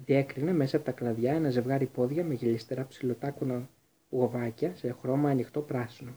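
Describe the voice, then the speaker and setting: Guy narrating an audiobook, husky dark voice, steady. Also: medium pitch. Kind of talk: scripted storybook narration.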